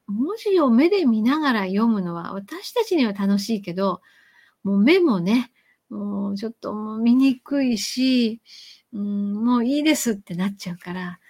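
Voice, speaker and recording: A woman hosting a live-stream lesson on reading aloud, talking with lively emphasis, stretching some words and rushing through asides. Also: mid-range voice. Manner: lively and animated, with sudden loud chanted demonstrations.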